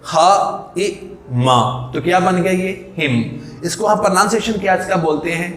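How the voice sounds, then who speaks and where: A man's voice: high-pitched, fairly bright tone. Echoey man teaching an English lesson. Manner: repeats questions and answers them himself, slows down on key terms; mixes Hindi with English words. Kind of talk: classroom-style lesson explanation.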